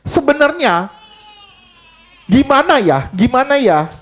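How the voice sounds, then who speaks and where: A man's voice: extremely high pitch, big pitch swings, slow. A man preaching a sermon in church, emphatic, asking the congregation questions and mixing in casual slang. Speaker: pastor.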